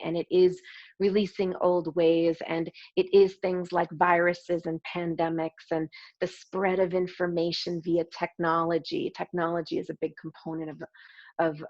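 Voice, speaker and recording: A middle-aged woman, an energy healing teacher, talking gently and hesitantly with many ums and restarts before a meditation. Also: lowish voice, no echo. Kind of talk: casual spoken introduction to a meditation. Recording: slightly dull, dry sound.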